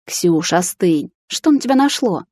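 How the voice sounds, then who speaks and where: A woman's voice: animated, measured pace, dark tone, no room sound, clean studio sound. A woman voicing a placating young man caught between two girls in an audiobook. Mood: exasperated. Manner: low-key, placating. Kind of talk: audiobook character voice.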